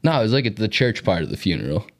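A man's voice: lowish voice, very animated, rapid-fire. Laughing man telling a story. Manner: laughs through his own story, swears freely. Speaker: podcast co-host. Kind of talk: casual storytelling.

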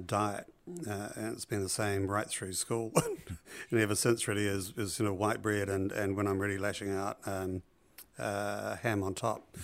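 Man, New Zealand accent, low voice, gravelly, rambling storyteller, lots of ums. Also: no room sound. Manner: rambling, many ums and restarts. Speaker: business founder guest. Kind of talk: casual storytelling interview.

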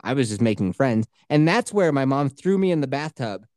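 A woman's voice: very deep voice, very animated, fairly quick, darkish tone, no echo, clean studio sound. A woman telling a funny story in a casual chat, mocking herself and laughing often.

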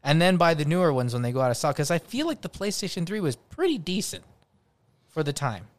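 A man's voice: a little high, brisk. A man co-hosting a casual podcast, joking around and telling stories with energy. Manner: joking, lively storyteller. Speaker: podcast co-host. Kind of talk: casual chat.

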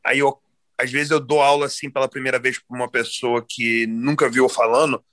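A young man from Brazil, a guest on a podcast, chatting in a relaxed, rambling way. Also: mid-range voice, brisk, dry recording. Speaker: podcast guest, jiu-jitsu athlete. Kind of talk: casual chat.

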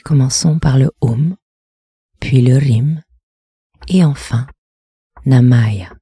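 A woman leading a guided meditation in a soft, half-whispered, measured voice. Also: a bass voice, husky, no echo, clean studio sound.

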